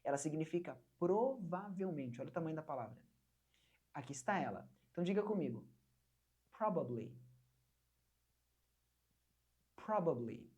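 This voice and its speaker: A young woman from Brazil teaching an online English lesson, patiently repeating words slowly for learners to copy. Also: sits low, animated, warm tone, slightly rough.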